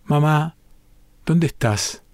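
A man's voice: fairly high pitch, extremely slow, darkish tone, no echo, clean studio sound, pitched above the performer's own voice. A man reading aloud and voicing a small girl who cries for her mother in pain, in a plaintive, pleading way.

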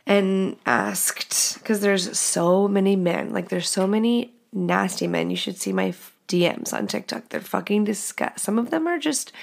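A woman hosts a casual solo podcast monologue in a mid-range voice that's raspy, nasal and congested from a cold. She talks bluntly and candidly, swearing and laughing at herself.

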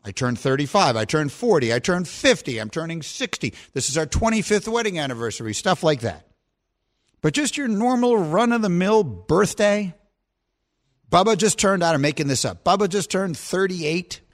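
A man's voice: high-pitched, sing-song, moderate pace. A man in his fifties hosting a radio talk show, giving his opinions in a mock-outraged rant that keeps building in emphasis. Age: 50s. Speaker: radio host.

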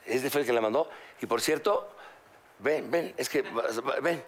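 A man's voice: mid-range voice, moderate pace. A man hosting a comedy podcast, telling rambling, crude anecdotes. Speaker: host.

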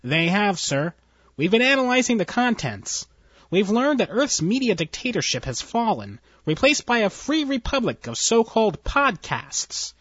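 Guy doing nervous little alien officer, high wobbly voice, all sir yes sir, dull lo-fi sound. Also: big pitch swings, moderate pace, fairly bright tone, no echo, exaggerated voice. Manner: hesitant, anxious, deferential. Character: nervous alien male science officer, timid.

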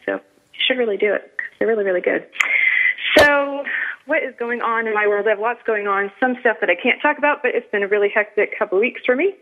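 A woman with a northern US accent hosting a radio talk show, chatting in a chatty, excitable, gushing way. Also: mid-range voice. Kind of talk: casual radio show chat. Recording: phone-like narrow sound.

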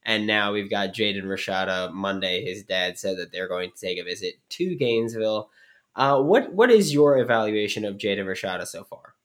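A man's voice: lowish voice, lively intonation, normal speed. Congested man hosting a sports podcast. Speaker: podcast host.

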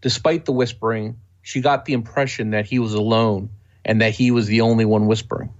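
A man co-hosting a podcast, reading a scripted true-crime narration in a steady, matter-of-fact way. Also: on the low side, brisk, dull audio. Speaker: podcast co-host.

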